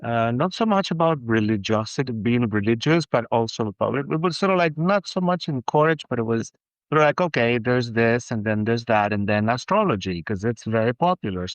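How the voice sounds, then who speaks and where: An Argentinian perfumer appears as a guest in a casual interview, speaking haltingly with many restarts and getting animated when excited. His voice is medium-pitched, and the recording is rough but without echo.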